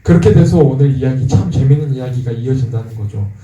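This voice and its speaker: A man's voice: mid-range voice, fast, warm tone, dull audio. A man preaching a sermon as pastor, talking with the congregation and asking them questions. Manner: conversational, asks the congregation questions. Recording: echoey room from far off.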